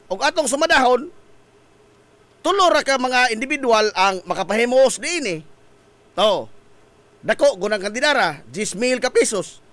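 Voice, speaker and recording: A man hosting a morning radio show, chatty and joking, his voice hoarse from a cough and cold. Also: extremely high pitch, fairly bright tone, dry recording. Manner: jokey, laughs often at his own quips. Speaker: radio host.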